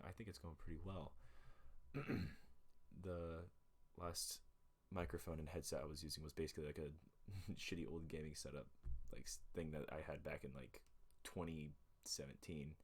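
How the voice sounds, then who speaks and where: A husky bass voice comes from a young podcast host chatting casually at home through a USB desk mic, headphones on. His talk rambles, with lots of fillers and self-corrections.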